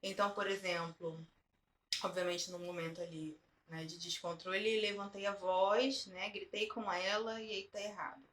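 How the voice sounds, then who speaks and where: A woman, a therapist and mother, calmly explaining as a guest in a casual conversation. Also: fairly low pitch, normal speed, a little hiss or hum. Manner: calm, explanatory, laughs at anecdotes. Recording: echoey room, distant mic.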